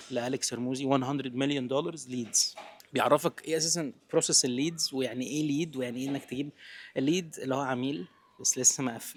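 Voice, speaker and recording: This business-advice vlogger is a young Egyptian in his 20s, speaking at medium pitch, very rapidly and naturally without a script. He talks informally and directly to the listener as a friend would, sprinkling English terms into his Egyptian, against slight background noise.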